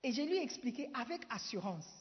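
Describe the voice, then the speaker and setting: A woman from Ghana preaching a sermon, putting questions to the congregation, moving between French and English and rising at times to shouting. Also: a little high, big pitch swings, fast, crowd noise. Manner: rises to shouting declarations. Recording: dull echoey hall sound.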